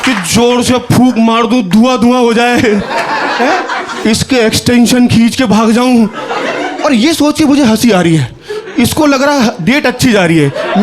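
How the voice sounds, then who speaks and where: High-voiced young man doing stand-up. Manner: animated, conversational storytelling with asides to the audience. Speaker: stand-up comedian. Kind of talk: stand-up comedy storytelling. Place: comedy stage with live audience. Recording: live show with crowd laughing. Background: audience laughter.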